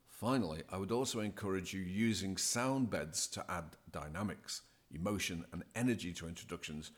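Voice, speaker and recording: A man speaking as a podcast guest, giving deliberate, emphatic advice as a DJ coach. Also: sits low. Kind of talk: measured, scripted-sounding advice.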